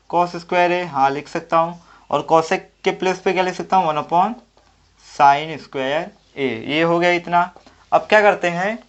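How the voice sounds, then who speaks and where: A man's voice: high voice, smooth. A man teaching a maths lesson at the board, thinking aloud and answering his own questions step by step. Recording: dull lo-fi audio.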